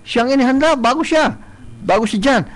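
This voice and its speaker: A male preacher delivering a live church sermon. He mixes Tagalog and English, often checks in with "no?", and reads scripture slowly and deliberately. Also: very high voice, animated, rough recording. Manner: switches between Tagalog and English, tagging points with "no?". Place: church service, streamed live.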